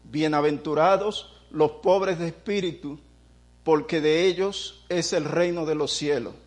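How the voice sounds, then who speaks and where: A male preacher giving an impassioned sermon, swelling into loud prayers and putting rhetorical questions to the congregation. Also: a little high, fairly even intonation, a little slow.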